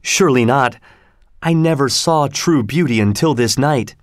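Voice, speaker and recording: A man's voice: mid-range voice, moderate pace, no echo, studio quality, close to an everyday voice. Romeo, a man voicing a lovestruck young nobleman. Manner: poetic, earnest.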